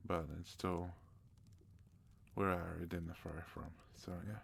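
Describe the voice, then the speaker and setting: Low, flat-voiced soft-spoken man. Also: a little slow, creaky, a little hiss or hum. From South Africa. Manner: soft-spoken, gentle, partly whispered. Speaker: ASMR channel host.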